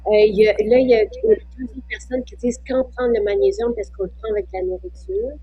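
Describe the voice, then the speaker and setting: A woman with a Quebec French accent hosts a relaxed chat. Her voice is very husky and breathy, with a mellow, warm tone. She talks in a chatty way about her own habits and reads viewer questions aloud. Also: mid-range voice, brisk, dry recording, muffled recording. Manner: chatty, shares personal habits. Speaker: host of the show.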